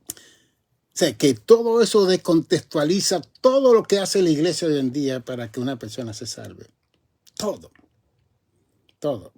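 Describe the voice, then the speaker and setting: A male pastor delivers a sermon in a mellow, warm voice. He swells to emphatic high points, then slows to draw out his key words. His pitch sits in the middle for a man. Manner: preaching with emphatic rises and drawn-out words.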